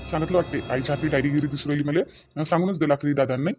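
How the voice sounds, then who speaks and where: A man voices a naive young cartoon son who keeps whinily and defensively explaining himself, lightly acted over music. His voice is fairly high and very fast, with a Varhadi Marathi accent and a steady tone.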